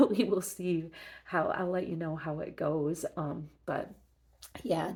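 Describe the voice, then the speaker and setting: A middle-aged woman talking casually in a personal vlog update, halting and reflective, sounding emotional as after crying. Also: lowish voice, creaky, mellow. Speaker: fitness vlogger.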